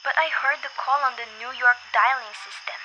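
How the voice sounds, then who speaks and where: A woman's voice: sits high, fairly quick, bright, forceful tone, a little hiss or hum, rough recording. A young woman playing an anxious, demanding bedridden wife in an amateur radio drama, fretful and insistent. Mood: distressed. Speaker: student voice actor in a radio play.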